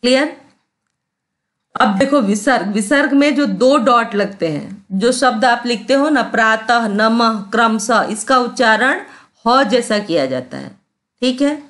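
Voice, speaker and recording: Slow, patient woman teaching a lesson. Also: a little high, expressive, a bit bright. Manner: slow, patient, repeats sounds and checks understanding. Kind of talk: classroom grammar lesson.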